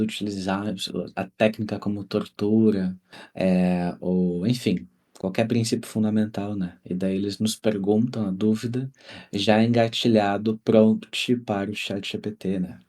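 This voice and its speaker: A man's voice: fairly low pitch, steady tone, a little slow, a little mellow. A teacher co-hosting a casual podcast chat who reflects on his experience with frequent verbal fillers.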